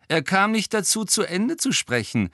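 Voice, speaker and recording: A man's voice: high-pitched, very animated, moderate pace, pushed and bright, no echo, clean studio sound, voice pushed up, exaggerated voice. A man voicing a cool, teasing teenage boy prankster in an audiobook. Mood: cocky.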